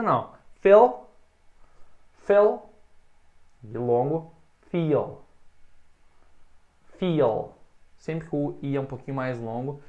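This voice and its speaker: A man with a Brazilian Portuguese accent teaching English pronunciation, modelling short words loudly and having the learner repeat after him. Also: medium pitch. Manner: slow, drawn-out modelling of words, stressed loud examples.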